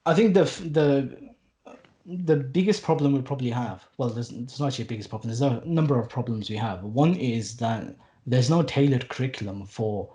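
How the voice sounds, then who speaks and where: In a casual interview, a podcast guest in his late twenties who teaches Arabic talks earnestly, restarting often, using plenty of fillers and dropping a few wry asides. His voice is medium-pitched, brisk and dark in tone.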